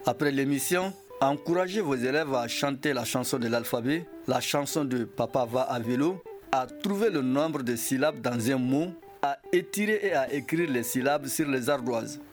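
A man reading the formal closing announcement of an educational radio program, with steady delivery and a few small hesitations. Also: mid-range voice, moderate pace. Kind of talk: scripted broadcast sign-off. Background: faint music.

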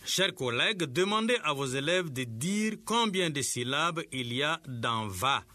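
A man teaching a scripted radio lesson, giving slow, clear instructions to teachers and pupils. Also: fairly high pitch, big pitch swings, sharp tone.

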